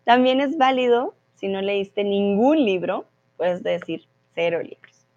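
A woman leads an online language class at an unhurried pace, walking learners through grammar with patient, repeated examples. The stream audio sounds dull and a little lo-fi. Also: medium pitch, a little mellow. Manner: slow, patient explaining with repeated example sentences. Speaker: Spanish teacher. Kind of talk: live online language lesson.

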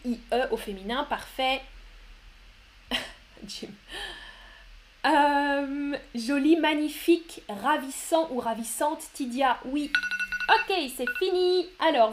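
A young woman teaching a live online vocabulary lesson, reading out students' chat answers and explaining them. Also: high voice. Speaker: French teacher.

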